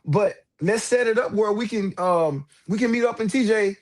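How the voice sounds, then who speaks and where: A man with a notably high voice talks straight to his viewers over livestream headset audio. His delivery is loose, slangy and fired up, with the unpolished feel of a home stream. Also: normal speed, a little mellow. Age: adult with several children. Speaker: livestream host. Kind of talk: casual livestream talk.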